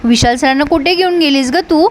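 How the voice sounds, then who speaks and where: A woman's voice: sits high, fairly quick, close to an everyday voice. A woman reading out the lines of a petty young coworker in a mocking, gossipy way. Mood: teasing.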